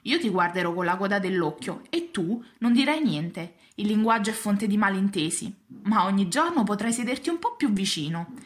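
A woman's voice: mid-range voice, animated, normal speed, hardly any pauses, close to an everyday voice. A woman voicing a wistful, lonely and wise female fox, talking earnestly in a storybook reading. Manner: earnest, pleading, reflective.

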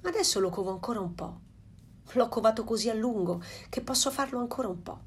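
A woman voicing a proud, fussy mother duck in a storybook reading, with a slightly husky voice. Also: fairly high pitch, brisk.

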